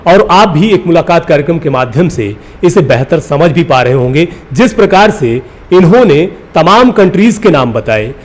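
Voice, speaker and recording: Lively-pitched male news reporter. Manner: earnest, admiring, with pauses and fillers. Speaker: news reporter presenting a feature. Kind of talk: on-location news feature commentary.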